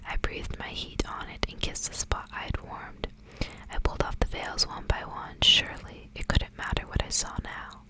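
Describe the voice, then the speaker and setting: Speaking only in a whisper at a moderate pace, this woman sounds like an ASMR host. Her gentle, hushed, soft style fits reading stories out loud.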